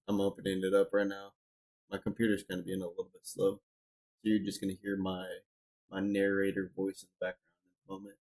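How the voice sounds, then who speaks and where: A gaming streamer with a low, warm voice chats casually from his home computer during a live game stream, rambling with plenty of fillers as he talks to chat and a friend. The desk mic recording is low quality.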